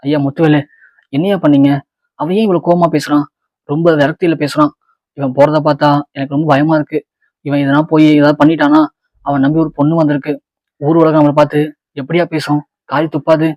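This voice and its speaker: A man's voice: on the high side, little pitch movement, a little fast, long pauses, a little mellow, no echo, lo-fi sound, lightly acted. A man voicing a distressed elderly mother who reproaches her sons. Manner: wailing, reproachful.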